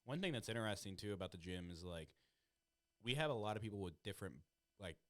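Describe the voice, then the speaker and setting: A man's voice: on the low side, expressive, fast, a bit bright. A man hosting a podcast in casual chat, rambling and swearing freely. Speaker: podcast host.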